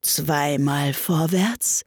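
A woman voicing a weepy, melancholy turtle creature that speaks slowly, low and sorrowfully. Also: breathy edge, dry recording, clean studio sound, exaggerated voice. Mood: mournful. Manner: slow, sighing, low and sorrowful.

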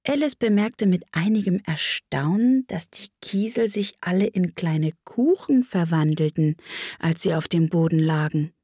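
A woman narrating a storybook with an expressive, lively reading. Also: fairly low pitch, unhurried, slightly rough, no echo, studio quality.

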